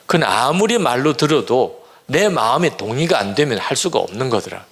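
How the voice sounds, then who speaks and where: Man, fifties, pastor, gravelly sermon voice, earnest storytelling. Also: mid-range voice, big pitch swings, brisk, a bit bright. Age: 50s.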